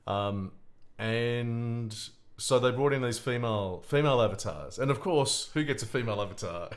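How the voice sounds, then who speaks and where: A man with a deep voice telling a personal anecdote in casual conversation, in a halting way with many restarts. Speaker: game design researcher.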